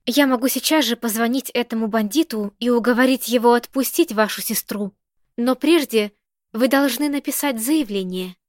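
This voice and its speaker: A woman reading the part of a cold, composed businesswoman in an audiobook, firm and measured. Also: on the high side, no room sound, studio quality, close to an everyday voice.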